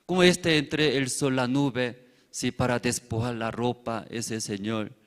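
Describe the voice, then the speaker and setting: A man's voice: mid-range voice, fairly even intonation, measured pace, big-room sound. A man preaching as a pastor, telling a fable and checking with his congregation through constant tag questions. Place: church hall.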